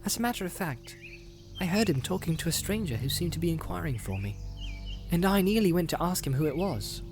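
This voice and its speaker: A man voicing Frodo, a thoughtful young male hobbit, measured and guarded. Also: fairly high pitch, very animated, over music, voice pushed up. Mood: sharp.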